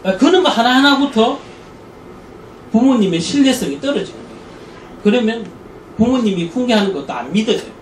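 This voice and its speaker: Animated male church parenting lecturer. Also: very high voice, brisk, pauses often. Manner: animated storytelling, acts out quoted people. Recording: echoey room, distant mic, faint noise.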